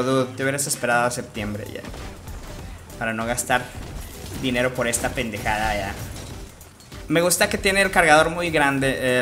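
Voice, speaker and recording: A man with a Mexican Spanish accent calls his own gameplay live, joking, swearing and bursting out in excited yelps. His voice is bright and forceful, and its pitch swings widely. Faint game music plays behind him. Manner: excitable, profane, jokey, with sudden outbursts. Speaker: gaming streamer.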